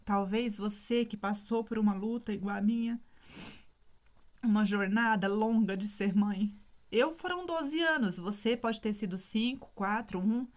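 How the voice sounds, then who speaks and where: A woman's voice: medium pitch, measured pace. A woman in her thirties telling a personal story in an emotional, casual way, often apologizing for her feelings. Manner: emotional, tearful at times, with many fillers. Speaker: vlogger sharing her testimony.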